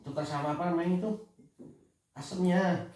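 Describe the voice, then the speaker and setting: A man's voice: high voice, fairly even intonation, a little fast, a little mellow. A man, a father, chatting casually with his family at home. His talk is playful and teasing. The recording picks him up from a distance in a strongly echoing room. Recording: echoey room, mic far off.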